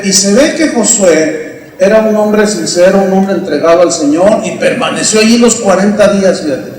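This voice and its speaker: High-voiced Mexican preacher in an echoey hall. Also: male voice. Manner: dramatic preaching, acting out scenes with sudden shouts. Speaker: pastor. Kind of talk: sermon. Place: large church hall. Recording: echoey hall recorded from a distance.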